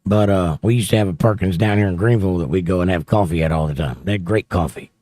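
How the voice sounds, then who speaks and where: His voice is low and mellow and he talks fast, with no echo, as he hosts a casual livestream. Holding a close studio mic near his mouth, the man reads viewer comments aloud and chats about them.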